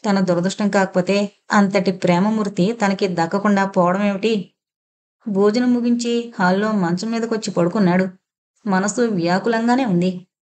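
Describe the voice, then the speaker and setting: A woman reading an audio novel aloud in steady, scripted storytelling narration. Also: mid-range voice.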